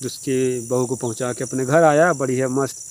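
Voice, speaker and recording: A man's voice: medium pitch, fairly even intonation, fairly quick, slight background noise. A man telling a comic village folk tale in a plain, rambling, repetitive way. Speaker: storyteller. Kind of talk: casual oral folk storytelling.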